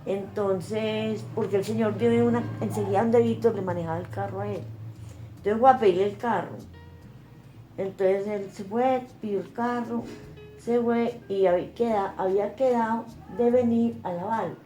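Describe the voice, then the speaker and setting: A woman's voice: mid-range voice, steady tone, moderate pace, dark tone. An older woman from Colombia tells her story in a Paisa accent. She talks with feeling and slips into the voices of the people in it. Faint music plays under her voice. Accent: Colombian Paisa Spanish. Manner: emotional storytelling, acting out quoted voices. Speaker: interviewee. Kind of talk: oral history testimony.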